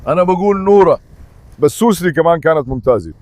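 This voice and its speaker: Fast-talking Egyptian man calling his dogs. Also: fairly high pitch, expressive, a little mellow. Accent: Egyptian Arabic. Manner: calls out eagerly and affectionately to his dogs. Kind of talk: casual vlog chatter. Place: outdoors at the seashore, by the water. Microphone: handheld microphone.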